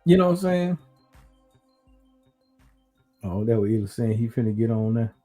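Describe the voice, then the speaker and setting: A man hosting a casual podcast chat, rambling and thinking out loud as he talks. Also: fairly low pitch, moderate pace, soft background music. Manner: relaxed, rambling, talks through his uncertainty. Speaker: podcast host.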